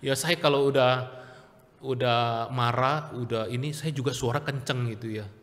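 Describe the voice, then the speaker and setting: A man, questioning the congregation and swinging between loud calls and soft asides. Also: mid-range voice, fairly even intonation, moderate pace. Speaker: pastor. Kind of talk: sermon. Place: church hall. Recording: long church reverb.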